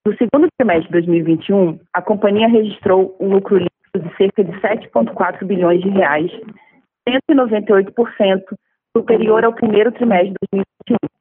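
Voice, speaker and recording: A woman with a Brazilian accent gives a scripted financial presentation, reading in a formal, measured way. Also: medium pitch, slightly rough. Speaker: investor relations director. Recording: muffled lo-fi conference phone line.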